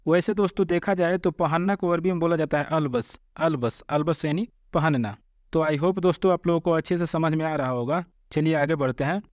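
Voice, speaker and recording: Man, language lesson, slightly high voice, dry close sound, repeats each word. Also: normal speed, darkish tone, no echo. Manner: addresses viewers as friends. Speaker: Arabic language teacher. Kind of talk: vocabulary lesson.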